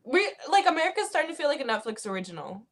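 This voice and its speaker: Woman, comedy co-host, playful, storytelling, laughs often, somewhat high pitch. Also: very animated, rapid-fire, fairly bright tone. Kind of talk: casual chat.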